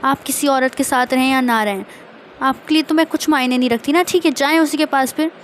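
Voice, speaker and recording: A woman voices a jealous young wife with a sharp tongue who sulks and snaps back. The voice is high and indignant. A faint hiss sits behind it. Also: a little fast, natural voice. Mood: sulking. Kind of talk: storytelling a romance.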